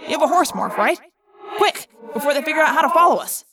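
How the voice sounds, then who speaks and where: A woman's voice: sits high, expressive, fast talker, fairly bright tone, distant mic, slight background noise, pitched above the performer's own voice. A woman voicing a joking teenage boy who wisecracks while helping an injured friend. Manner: joking, casual.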